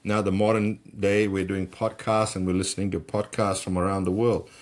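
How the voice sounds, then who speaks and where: A middle-aged man from Malaysia, a personal development coach being interviewed, telling stories in an animated way and often restarting words as he gets excited. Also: low-pitched, normal speed. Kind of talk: conversational storytelling.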